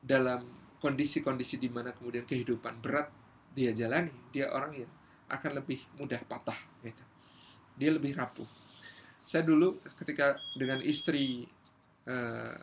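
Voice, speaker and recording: A male Islamic preacher giving a lively study lecture, acting out everyday quotes as he tells stories. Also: medium pitch, moderate pace, a little hiss or hum. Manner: lively storytelling, acts out quotes. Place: community gathering hall.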